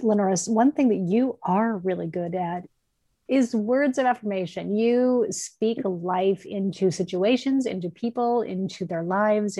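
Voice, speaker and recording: A woman co-hosting a casual chat, speaking in a gentle, reflective and affirming way. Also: medium pitch, dry recording. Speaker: podcast co-host. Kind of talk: casual faith-based chat.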